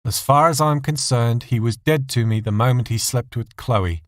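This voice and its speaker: A man's voice: medium pitch, moderate pace, dry recording, clean studio sound, close to an everyday voice. A man voicing a bitter, scornful wife in audio story dialogue, cutting and accusatory. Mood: bitter, cold. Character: bitter, scornful wife refusing all sympathy.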